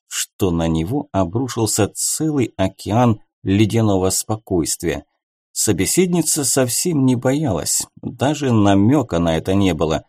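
A male audiobook narrator with a low, dark, mellow voice that rises and falls expressively. His reading is measured and closely miked, with a dry, close sound. He tells the story steadily in a scripted way. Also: no room sound.

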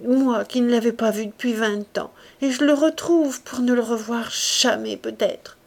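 A woman's voice: fairly high pitch, unhurried, gravelly, voice pushed up. A woman reading the lines of an anxious, tearful former hotel keeper in an audiobook, in a pleading, distressed voice.

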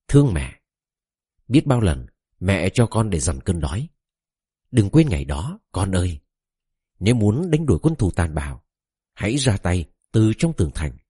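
A man reading the tearful plea of an old queen mother begging her son, in a deep, husky voice. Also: warm tone, dry recording, clean studio sound, exaggerated voice. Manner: pleading, tearful recitation.

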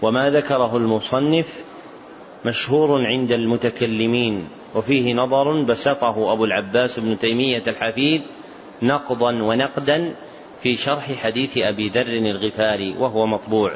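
A man's voice: medium pitch, normal speed. A man teaching a classical Arabic lesson, adding brief scholarly corrections and closing each with a curt word of assent. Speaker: teaching sheikh. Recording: dull lo-fi lecture recording with faint hiss.

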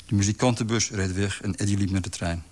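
A man reading a literary story aloud in a calm, measured way. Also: on the low side. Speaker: narrator. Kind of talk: scripted literary narration.

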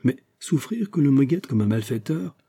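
A man's voice: medium pitch, expressive, normal speed, warm tone, slightly rough, voice pushed up. A man reading a classic novel aloud, voicing a proud, commanding French financier with a haughty manner. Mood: imperious. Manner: haughty and imperious.

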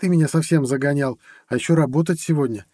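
A man reading an audiobook, voicing a playful, teasing young woman, the narrator's girlfriend, in a lighter, higher voice. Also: fast talker, warm tone, no room sound, studio quality, natural voice. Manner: light, teasing, giggly speech.

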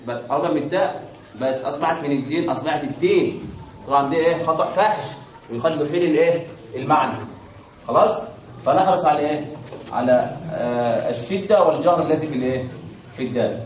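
A man's voice: fairly high pitch, quick pace, a little hiss or hum. A man with an Egyptian accent teaching Quran recitation, constantly asking questions and having the class answer in call and response. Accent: Egyptian Arabic. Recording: echoey room from a distance.

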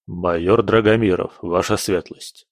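A weary, disgusted general with a deep, grim and contemptuous delivery, played by a man in an audiobook. The voice sits low and the sound is dry. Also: fairly even intonation, unhurried, no room sound. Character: weary, disgusted middle-aged male general.

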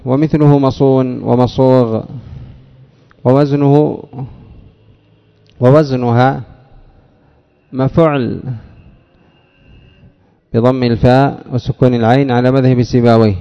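A man's voice: medium pitch, steady tone, unhurried, long pauses, smooth. A man teaching a lesson on grammar, asking questions and answering them himself, repeating key words. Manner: addresses a student by name. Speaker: teacher of Arabic morphology. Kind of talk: classroom lesson explaining a text. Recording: dull lo-fi recording with long hall reverb.

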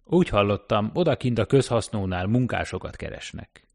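Man playing a secretive fugitive, guarded, measured, deep, gravelly. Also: animated. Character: cautious, secretive grown man on the run.

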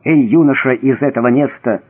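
Guy reading as a desperate big brother, begging and shouting, husky, tinny audio. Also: mid-range voice, fairly quick, lightly acted. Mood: despairing. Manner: pleading, anguished outbursts. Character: distraught eldest brother, big strong man. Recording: thin phone-like audio.

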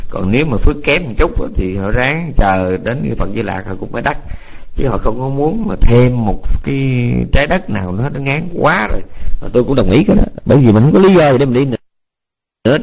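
A man giving a Buddhist dharma talk to an online group, rambling and repeating words as he searches, then slowly dictating points for notes. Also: mid-range voice, breathy edge, lo-fi sound. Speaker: Buddhist teacher.

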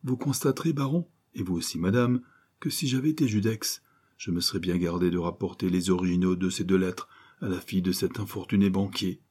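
A man's voice: low-pitched, brisk, a little mellow, husky. A man voicing a naive, pompous young private detective who gets flustered.

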